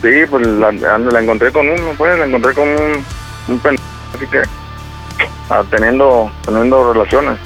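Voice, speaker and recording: A man's voice: medium pitch, a bit bright, faint music behind. A Mexican man playing an upset husband in a prank phone call, hesitant and full of restarts. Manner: halting, hesitant, restarts a lot. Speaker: prank caller, radio host.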